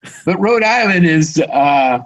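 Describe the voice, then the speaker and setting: A man co-hosting a radio show, asking questions in a lively, encouraging way. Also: fairly high pitch, a little slow. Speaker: co-host interviewer. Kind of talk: casual interview chat.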